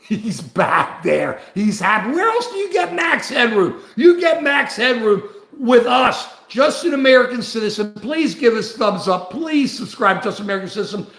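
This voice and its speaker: Older male livestream host, high gravelly voice, rambling rants, roomy echo. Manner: rambling, repetitive and animated. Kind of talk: political livestream commentary.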